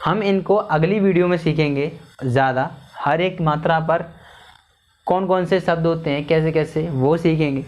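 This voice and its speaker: A man teaching a lesson on vowel signs, slowly repeating and sounding out each syllable. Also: fairly high pitch, a little mellow. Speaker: Hindi teacher.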